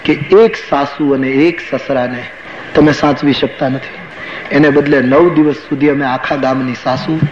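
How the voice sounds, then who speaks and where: A man preaching a sermon to a gathering, telling it like a story and acting out the people in it. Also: fairly high pitch. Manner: storytelling with quoted asides. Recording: dull lo-fi recording with faint hiss.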